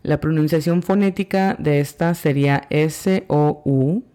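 A patient language teacher speaking at an unhurried, deliberate pace in a middle-range voice. Words get spelled out sound by sound, and each example phrase is repeated slowly so it can be practiced. It sounds like a calm podcast lesson. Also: medium pitch. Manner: slow and careful, spells out sounds letter by letter. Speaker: English teacher.

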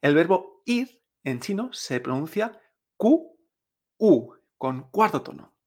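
A man's voice: on the high side, very animated, takes it slowly, darkish tone. A man teaching Chinese pronunciation, patiently repeating each sound for the listener to drill. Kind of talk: pronunciation lesson.

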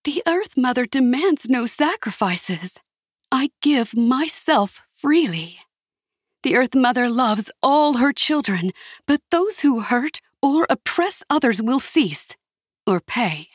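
A woman voicing an ancient skeletal Earth Mother spirit who proclaims in a high, chanting voice. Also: no room sound, studio quality. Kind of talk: audiobook character voice.

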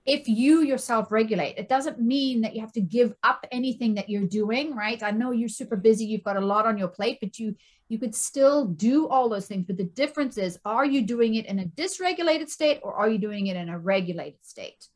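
Animated middle-aged woman coach. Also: on the high side, fairly quick. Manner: animated, repeats words, frequent "right?" tags. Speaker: stress and anxiety coach, guest. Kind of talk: casual interview conversation.

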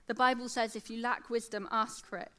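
A woman in her thirties, a secondary school teacher, gives a devotional sermon that includes scripture reading. She speaks fairly quickly in a fairly high voice with fairly even intonation and a sharp tone, and her s sounds come out slushy from a lateral lisp.

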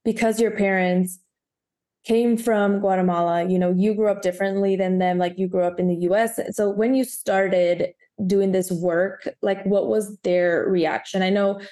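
A woman co-hosts a podcast with a mid-range voice. She asks her questions in a chatty, loose way, scattering "like" throughout and nodding along with quick agreement. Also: mid-range voice, fairly even intonation, dark tone. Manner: chatty, many "like" fillers, encouraging backchannels. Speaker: podcast co-host. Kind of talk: conversational interview.

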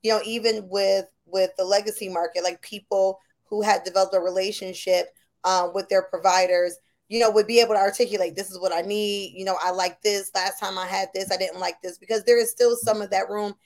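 A woman's voice: mid-range voice, fairly even intonation, a little fast, a little mellow. A woman from Buffalo, New York, hosting a podcast in casual conversation, chatty and affirming with lots of fillers. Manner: chatty, affirming, full of you-know fillers. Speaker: podcast host.

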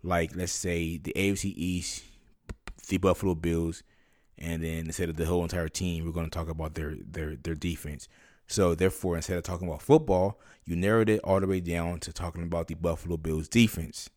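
A man with a low voice talks as a solo podcast host, explaining things in a conversational, step-by-step way. He addresses one listener directly and personally. The sound is dry and close, with very little room on it. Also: steady tone, fairly quick, a little mellow, no echo.

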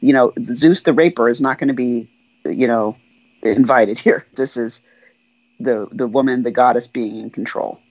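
A man's voice: mid-range voice, moderate pace, darkish tone, no echo, muffled recording. A man who teaches, chatting in a casual book discussion, conversational and prone to trailing off and restarting.

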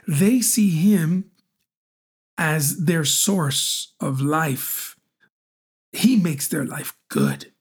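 A man in his forties co-hosting a relationship podcast, talking in an animated, teasing way and often repeating his words as he starts a thought. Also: a little high, extremely slow, pauses often, breathy edge. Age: 40s. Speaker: podcast co-host. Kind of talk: casual chat.

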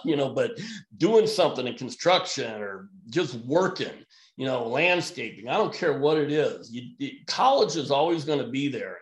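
Blunt, emphatic man in a roomy space. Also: mid-range voice. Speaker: emergency physician guest. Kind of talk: podcast conversation.

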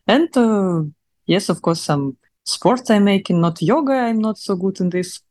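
A young adult Russian woman speaks English with a Russian accent as an interview guest, chatting casually with lots of fillers and laughs. Her medium-pitched voice is animated, a little slow and a little mellow, recorded at studio quality with no echo.

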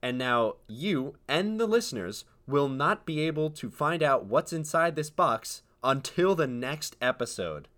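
A man's voice: a little high, very animated, a little slow, hardly any pauses, fairly bright tone. A man co-hosting a podcast in casual comedic chat, playful and teasing in the way he talks. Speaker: podcast co-host.

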